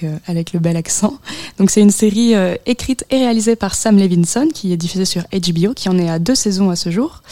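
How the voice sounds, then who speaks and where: A woman's voice: fairly low pitch, warm tone, no room sound. A woman hosting a podcast interview, chatty with laughing asides. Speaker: podcast host. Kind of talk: interview with prepared reading.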